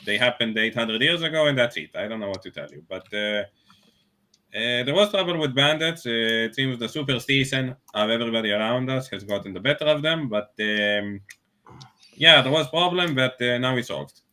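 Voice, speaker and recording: Mercenary leader acted by a man in a tabletop game: skeptical, politely dismissive, halting phrasing, forward bright tone. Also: mid-range voice, expressive. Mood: dismissive, matter-of-fact. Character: reserved, skeptical male mercenary leader far from home. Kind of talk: in-character tabletop role-play.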